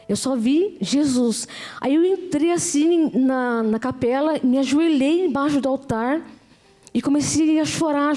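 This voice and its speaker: A woman's voice: high-pitched, mellow. A middle-aged woman with a Brazilian Portuguese accent telling her personal testimony in a heartfelt, repetitive way. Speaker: missionary giving testimony.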